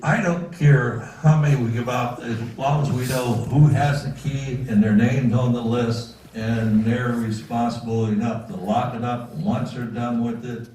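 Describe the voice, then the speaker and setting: Plain-spoken male club member, dark soft tone, speaking informally far from the mic with faint noise. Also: medium pitch, steady tone, measured pace, few pauses. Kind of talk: informal remarks at a club meeting. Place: meeting room, far from the mic. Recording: very echoey room, distant mic, faint noise.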